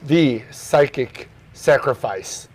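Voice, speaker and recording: A relaxed man hosts a record shop's morning show. He talks through one record after another, naming prices in an easy, offhand way at a middling pitch. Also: takes it slowly. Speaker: record store host. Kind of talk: casual show-and-tell.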